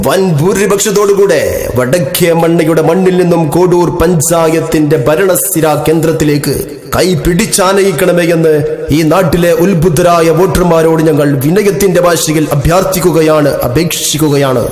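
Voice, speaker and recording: Male election announcer, Kerala Malayalam accent, high register, declamatory scripted delivery, very echoey sound. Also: steady tone, moderate pace, darkish tone. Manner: declamatory, flowery, formal appeals. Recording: echoey reverberant announcement over music. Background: music.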